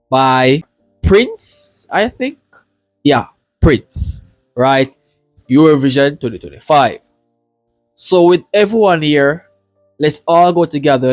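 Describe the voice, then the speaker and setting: A man from Jamaica, speaking with a Jamaican accent and medium pitch, gushes excitedly to viewers while hosting a casual reaction video. The audio has no echo.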